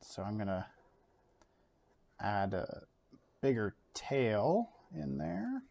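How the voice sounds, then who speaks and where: A gravelly, mid-range voice belongs to a Canadian art educator teaching a casual lesson from his home studio. Relaxed, he thinks aloud with fillers as he draws, while an overhead camera looks down on his table.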